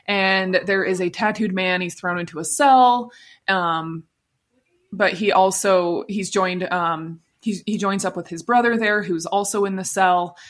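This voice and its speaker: A woman's voice: medium pitch, measured pace. Woman, podcast co-host, casual recap chat, self-deprecating, laughs a lot. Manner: laughs often, searches for words, self-deprecating.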